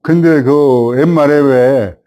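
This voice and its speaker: An older man in his seventies, a veteran film director, reminisces in an easy storytelling manner. His voice sits in an ordinary middle pitch and lifts with animation whenever he relives an old memory. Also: takes it slowly. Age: 70s. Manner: animated storyteller, rising when recalling the past.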